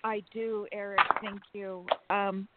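A woman calling in over the phone, speaking in a measured way and spelling out names letter by letter. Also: mid-range voice, little pitch movement, heavy background noise. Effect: heard over a phone line. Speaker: caller. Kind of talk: call-in chat with a psychic show. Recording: tinny, dry phone line.

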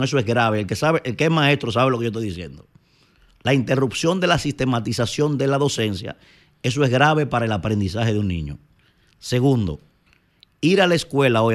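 A man with a Dominican Spanish accent, speaking as a radio commentator in the middle of his range. His delivery is indignant and emphatic, and he scolds as he drives his points home. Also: mid-range voice. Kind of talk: opinion commentary.

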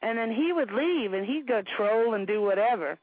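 A woman's voice: on the high side, lively intonation, moderate pace, slightly rough, dry recording. A middle-aged woman hosting a casual talk show, telling frank, swearing stories with lots of laughter. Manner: frank, blunt storyteller who swears and laughs often. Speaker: host. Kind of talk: casual chat. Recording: tinny phone-like radio sound.

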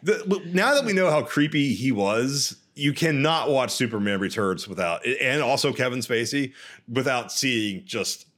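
A man's voice: mid-range voice, measured pace. A man co-hosting a podcast, talking about movies in a casual, profane way with many restarts. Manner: animated, swearing, rambling restarts. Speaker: podcast co-host.

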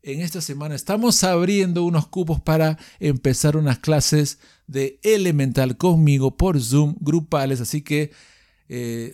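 A man's voice: on the high side, darkish tone. A man from Peru with a Peruvian Spanish accent, teaching English phrases in a podcast lesson and often checking in with his listeners.

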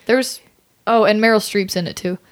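A woman's voice: medium pitch, moderate pace. A woman chatting informally and giggly as a podcast co-host. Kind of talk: casual chat.

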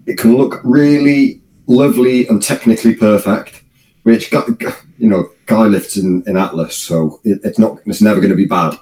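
A man's voice: fairly low pitch, moderate pace, dark tone, roomy sound, a little hiss or hum, poor audio. A man with a British accent co-hosting a podcast in easygoing casual chat, often restarting his sentences. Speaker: podcast co-host.

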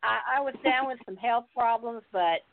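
A woman's voice: fairly high pitch, moderate pace. Woman guest on a muffled line. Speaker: radio show guest. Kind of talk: casual chat. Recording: dull lo-fi line, faint noise.

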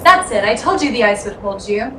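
A woman's voice: on the high side, animated, fairly quick, background noise, lightly acted. An actress playing a scheming, insistent woman in a theatrical old radio thriller. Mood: coldly coaxing. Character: scheming, coldly coaxing murderous woman. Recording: echoey distant vintage radio drama recording.

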